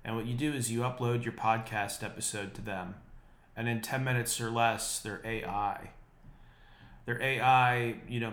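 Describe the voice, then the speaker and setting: On his own casual podcast, a man riffs on the news in a wry, rambling, opinionated way. His voice sits low and is fairly bright, with a nasal, somewhat congested quality. The unprocessed podcast mic gives a roomy sound.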